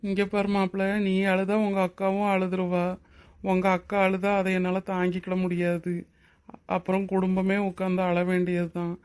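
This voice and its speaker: A woman's voice: lowish voice, lightly acted. A woman voicing a generous middle-aged cartoon husband. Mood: tender. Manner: warm, steady, reassuring. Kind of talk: Tamil cartoon drama voice acting.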